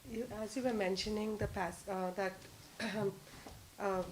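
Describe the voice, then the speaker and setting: A woman's voice: medium pitch, steady tone, takes it slowly, slight background noise, low-quality recording. A woman from the audience asks a question hesitantly, with many fillers. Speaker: audience member asking a question.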